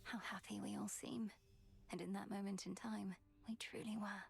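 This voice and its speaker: A woman's voice: medium pitch, flat delivery, normal speed, gravelly. A woman voicing an earnest, resolute young witch princess in a video game, speaking formally and thoughtfully. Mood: reflective. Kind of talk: video game character acting.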